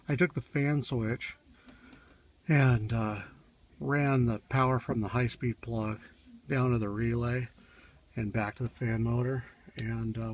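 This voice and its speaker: A man gives a casual, unscripted how-to walkthrough in a halting, rambling, matter-of-fact way, recorded on a handheld phone in a garage. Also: mid-range voice. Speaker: hobbyist car DIY demonstrator. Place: home garage, in and around a car. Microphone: handheld phone, moved around while filming. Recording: distant mic, noisy handheld phone recording.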